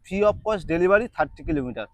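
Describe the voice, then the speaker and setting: A man with a West Bengal accent giving an insistent hard-sell sales pitch as a used motorbike dealer, repeating prices and offers. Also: animated, normal speed, no echo.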